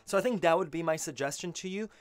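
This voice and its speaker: An accordion teacher in his thirties chats casually and animatedly on a live stream, often correcting himself, talking fast in a slightly high voice over loud music. He's indoors in a small home studio using a stand-mounted studio mic, with his own accordion playing beneath his voice.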